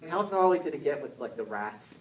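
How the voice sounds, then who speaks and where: A man's voice: on the high side, very animated, a little fast, dull audio, a crowd in the background. A man interviewing an actor, asking brief, casual questions. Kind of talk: press junket questions. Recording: roomy, distant, noisy.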